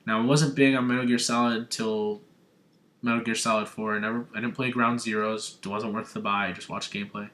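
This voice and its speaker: A young man from Arizona recapping a gaming showcase on his vlog, talking with gushing, excitable fan enthusiasm. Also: on the low side, brisk. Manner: gushing, breathless fanboy enthusiasm. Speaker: gaming vlogger. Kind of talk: excited video game recap.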